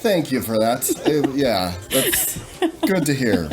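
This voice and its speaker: A man's voice: mid-range voice, very animated, takes it slowly, noisy background. A man voicing a weary older tavern keeper with a long-suffering drawl, over faint music. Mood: exasperated.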